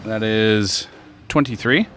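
A man's voice: lowish voice, slow pace, fairly bright tone, faint music behind. A man chatting casually as a player in a tabletop game.

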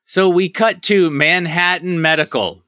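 A man's voice: sits high, measured pace, sharp tone, clear, resonant tone, no room sound, studio quality. A man co-hosting a podcast, chatting casually in a sarcastic, nitpicking way. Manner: sarcastic, nitpicking, acts out characters' lines. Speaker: podcast co-host. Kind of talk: casual recap chat.

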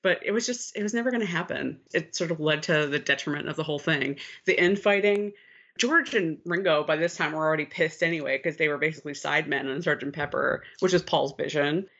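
A woman co-hosting a podcast, telling the story in a candid, expressive, casual way and swearing freely. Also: sits low, quick pace. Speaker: podcast co-host. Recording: slightly muffled lo-fi sound.

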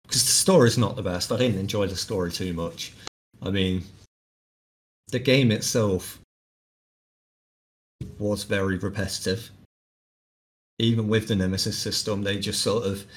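A man's voice: lowish voice, moderate pace, long pauses. A man co-hosting a podcast, casually retelling stories with plenty of ums. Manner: relaxed storyteller, uses lots of fillers. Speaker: podcast co-host. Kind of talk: casual chat.

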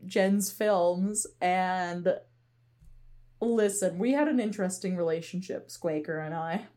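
A woman's voice: lowish voice, takes it slowly, mellow. A woman co-hosting a podcast in casual chat, talkative and giggly, with lots of "like". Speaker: podcast co-host.

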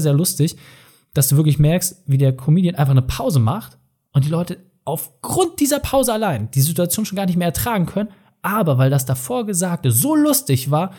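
Emphatic German coach with a husky voice. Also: male voice, on the high side, dark tone. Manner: direct, addresses listener informally, emphatic. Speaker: entrepreneur coaching on speaking. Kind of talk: motivational coaching talk.

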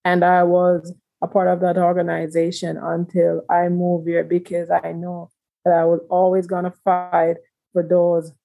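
A woman in her thirties, a community advocate speaking as a guest, earnest and steady in long, building sentences. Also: lowish voice, vocal fry, highs cut off. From Jamaica. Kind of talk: interview conversation.

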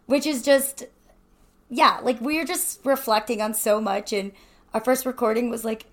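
A woman's voice: fairly high pitch, measured pace. A woman hosting a casual, chatty conversational interview, recorded indoors in a wooden cabin. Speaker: podcast host, interviewer.

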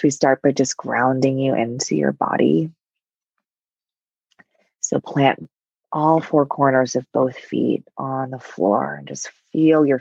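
A woman guiding a meditation in a soft, soothing voice with long pauses, at times breathy and close to a whisper. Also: rumbling low, dry recording, muffled recording. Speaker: meditation guide. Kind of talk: guided meditation.

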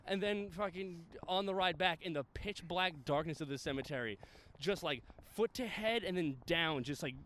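High-voiced New man telling stories. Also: moderate pace, a bit bright, slight background noise. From the Bronx, New York. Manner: profane storyteller, laughs often. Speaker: guest. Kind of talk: casual chat while walking. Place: outdoors in a cemetery.

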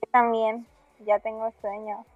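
High-voiced woman on a phone-like line. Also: flat delivery, measured pace. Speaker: podcast participant. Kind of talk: casual chat. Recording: thin phone-like sound, music behind.

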